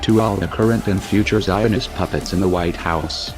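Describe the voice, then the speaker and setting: A man speaking through a disguised deep voice, reading a cold, measured, menacing scripted statement. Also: music in the background.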